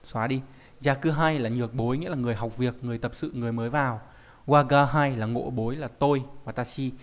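A man teaches an online Japanese lesson in a plain, middle-pitched voice. He explains step by step and keeps checking in with rhetorical questions. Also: fairly even intonation, quick pace.

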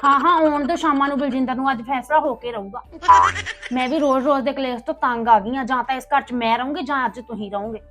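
A woman's voice: sits high, quick pace, background noise, close to an everyday voice. A woman playing a young daughter-in-law who argues back at her mother-in-law. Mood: defiant. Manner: argumentative, retorting. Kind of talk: family skit acting.

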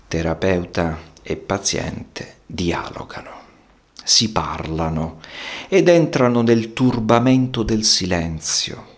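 A man with a very low voice and a gravelly, creaky texture talks about therapy in an unhurried, reflective way. His phrasing is measured and almost poetic, as he lets each thought settle before the next. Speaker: psychotherapist. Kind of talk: slow reflective monologue.

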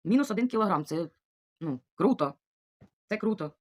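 Answering viewer comments in her vlog, a middle-aged woman from Ukraine keeps things casual, warm and chatty, repeating her thanks over and over. Her mid-range voice has lively intonation and moves at a normal speed.

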